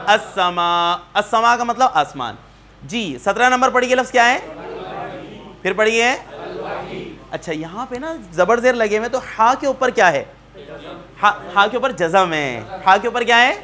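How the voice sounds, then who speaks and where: A man with a high, bright voice leads a classroom lesson. He goes through a word list one item at a time, has students read each word aloud again, and gently corrects how they say it. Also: animated, pauses often. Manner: patient, asks students to repeat words and corrects pronunciation. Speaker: Quran teacher. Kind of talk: classroom teaching, word drills. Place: neighbourhood class room.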